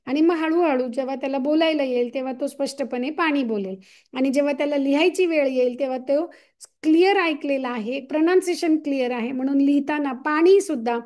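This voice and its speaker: A woman's voice: sits high, a little mellow. A woman co-presenting a lesson to parents, explaining each point and asking whether the listeners follow.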